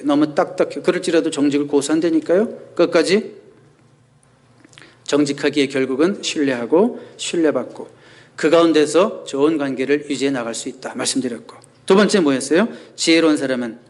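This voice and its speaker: Male pastor, sermon delivery, fairly high voice, animated, acts out quotes and asks the congregation questions. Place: church sanctuary.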